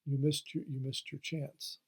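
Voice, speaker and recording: A man's voice: mid-range voice, flat delivery, normal speed, slightly rough. A man voicing a clever small talking bird from a fable, teasing and lecturing with hesitant fillers. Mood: mocking.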